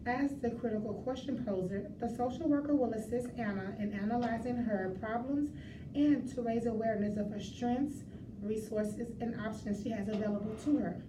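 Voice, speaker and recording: A woman's voice: fairly high pitch, normal speed. Young woman reading a class script. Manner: steady read-aloud delivery with a slip. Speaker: narrator. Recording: roomy, distant, background noise.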